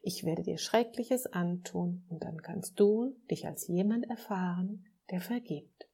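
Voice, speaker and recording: A kind, devoted soul from a storybook, voiced by a woman, tender and patient. She speaks slowly in a hushed, breathy voice with mellow warmth. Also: on the low side, heavily acted. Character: kind, devoted soul who offers help.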